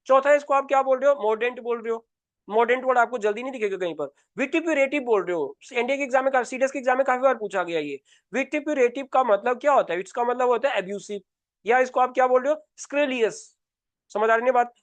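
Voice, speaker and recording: A man teaches English vocabulary in Hindi with an Indian accent, racing through words in a very high voice. He keeps posing questions and answering them himself. The sound is dry and close. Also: no room sound. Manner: repetitive, asks and answers his own questions. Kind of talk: Hindi exam-prep lesson, explaining words.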